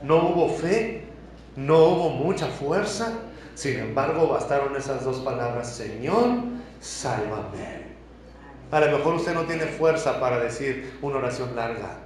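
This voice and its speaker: A man preaching a sermon as pastor, swinging from hushed, intimate lines to loud, impassioned ones. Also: medium pitch, lively intonation, unhurried. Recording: very echoey church hall.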